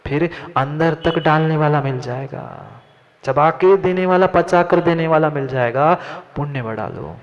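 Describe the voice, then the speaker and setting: A man's voice: fairly high pitch, measured pace. A man giving a Jain sermon, addressing listeners by name and repeating his lines for emphasis. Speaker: Jain monk preacher. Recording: dull lo-fi sound.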